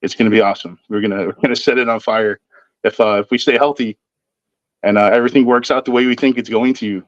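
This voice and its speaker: A man's voice: mid-range voice, steady tone, fast talker, no room sound. A man calling in to a sports show for casual fan chat. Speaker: caller. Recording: dull band-limited phone-in line.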